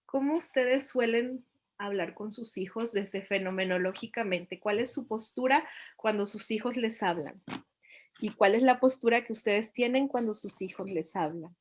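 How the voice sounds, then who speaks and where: A middle-aged woman speaks to parents in a reflective, questioning way. Her voice sits at a middle pitch for a woman. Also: moderate pace, a little hiss or hum. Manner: reflective, poses many questions. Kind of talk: online talk to parents.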